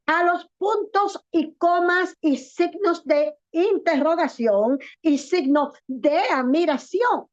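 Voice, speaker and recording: A woman pastor preaching a sermon in an earnest way, with rhetorical questions and slow, stressed words for emphasis. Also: very high-pitched. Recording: dull lo-fi recording.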